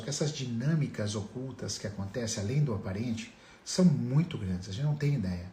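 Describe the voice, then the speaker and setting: A man's voice: medium pitch, warm tone, echoey room. A man giving a motivational talk on family healing, asking his listeners direct rhetorical questions.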